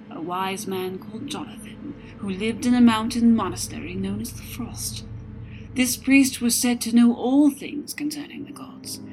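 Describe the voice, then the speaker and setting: Woman telling a dark tale softly. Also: medium pitch, rough recording. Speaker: storyteller. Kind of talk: scripted narration. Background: music.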